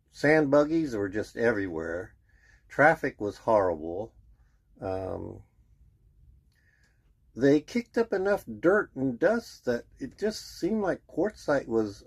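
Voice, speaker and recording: A man giving a casual first-person vlog update in a plainspoken, halting way. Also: fairly low pitch, husky. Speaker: RV lifestyle vlogger.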